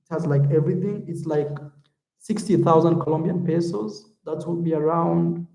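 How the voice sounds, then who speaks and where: A YouTube vlogger from Africa, with a high, mellow voice and some vocal fry, chats easily on a livestream at a moderate pace. He responds to viewer comments, tossing in "man" and "bro," while his voice bounces around a roomy, echoey space.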